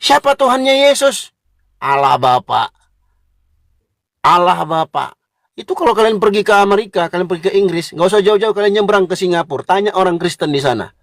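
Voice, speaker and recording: A high-pitched man preaches in a combative, mocking tone, lecturing his opponents directly. The recording is dry and close, with no room around him. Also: lively intonation, brisk, dry recording. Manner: combative, mocking, addresses listeners as "kau". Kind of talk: polemical religious lecture.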